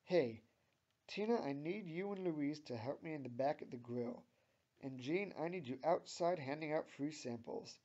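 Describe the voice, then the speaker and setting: A man's voice: fairly high pitch, animated, normal speed, warm tone, voice pushed up. A weary, exasperated middle-aged dad, read by a man in a near-normal voice. The recording is muffled and lo-fi.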